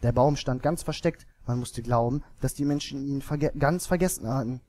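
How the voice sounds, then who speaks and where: A man's voice: mid-range voice, moderate pace. Man reading a fairy tale aloud. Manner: expressive storybook reading. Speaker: narrator.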